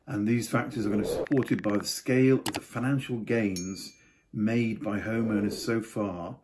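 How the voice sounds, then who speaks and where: An older man, a property market commentator, gives a casual market update to camera from his home study, throwing in offhand asides. His voice is on the low side with a darkish tone, and the audio is poor.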